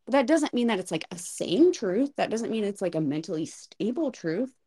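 A woman's voice: medium pitch, sing-song, moderate pace, mellow, breathy edge, no echo. A woman co-hosting a podcast about hair styling, chatting casually and animatedly with lots of filler words. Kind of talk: casual chat.

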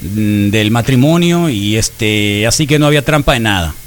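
A man's voice: on the low side, lively intonation, normal speed. A middle-aged man hosting a casual morning talk show, joking and teasing his co-hosts. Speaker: host. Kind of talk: casual chat.

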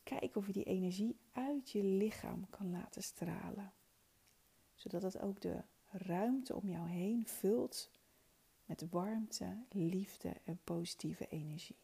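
A woman guides a meditation in a soft spa whisper. Her voice is very slow and mellow, with a breathy, gentle delivery that stays soothing throughout. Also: mid-range voice.

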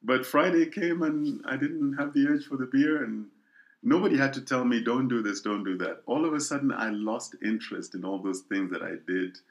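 A man's voice: medium pitch, moderate pace, dull audio. A middle-aged man from Kenya, sharing his personal testimony as an interview guest, earnest and repeating words as he thinks.

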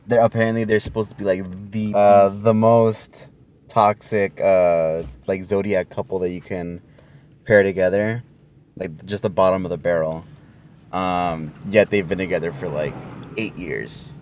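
A man's voice: low-pitched, steady tone, a little slow, a little mellow. A young man co-hosting a podcast in casual chat, laid-back, swearing and filling with "like". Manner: laid-back, swears often, many fillers. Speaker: podcast co-host.

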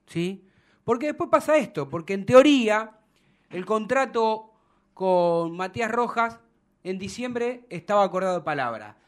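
A man's voice: high-pitched, lively intonation, unhurried. A man with an Argentine Spanish accent hosting a football talk show, arguing his points emphatically and acting out quotes. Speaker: radio sports show host.

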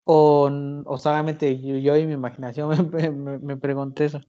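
Mexican man, podcast host, relaxed chatty delivery, slightly raised pitch. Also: moderate pace. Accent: Mexican Spanish. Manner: chatty, hesitant fillers, laughs often. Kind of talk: casual chat. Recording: lo-fi recording.

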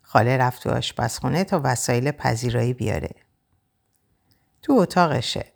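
A woman narrating a novel in the first person, in a quiet, reflective, measured way. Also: rumbling low, creaky. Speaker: audiobook narrator.

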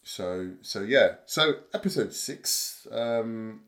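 Low-voiced man rambling as podcast host. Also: lively intonation, slow, a bit bright. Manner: rambling, hesitant with many fillers and restarts. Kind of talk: casual chat.

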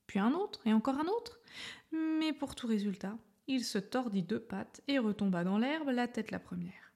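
Soft husky woman reading a children's story. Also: fairly high pitch. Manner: soft, gentle, often breathy and whispered.

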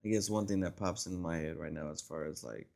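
A young man co-hosting a casual podcast chat, telling stories in a relaxed way and imitating people's voices in his anecdotes. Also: sits low, a little fast, vocal fry. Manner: laid-back storyteller, mimics voices in anecdotes. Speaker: podcast co-host.

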